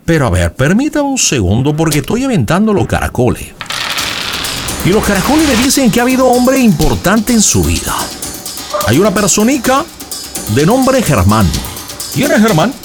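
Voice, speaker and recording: Here a man portrays a showy male psychic on a call-in, working with cards and shells and leading callers with sing-song questions as music plays. His voice is high and swoops wildly in pitch, delivered at normal speed.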